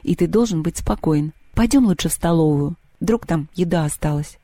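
A man puts on a calm, commanding schoolgirl from a storybook. She speaks quietly and insistently over a mellow, dry recording. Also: a little high, normal speed, no echo.

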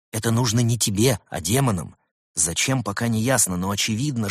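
A man voicing a shrewd talking male fox who explains things with lively insistence in an audiobook. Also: on the low side, slightly rough, dry recording, clean studio sound, voice pushed up. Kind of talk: audiobook character voice.

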